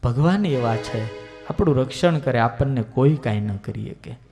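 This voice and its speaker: A man voicing a calm, devout young boy within a sacred story, in an echoing hall. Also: mid-range voice, moderate pace, faint music behind, pitched below the performer's own voice, close to an everyday voice. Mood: assuring.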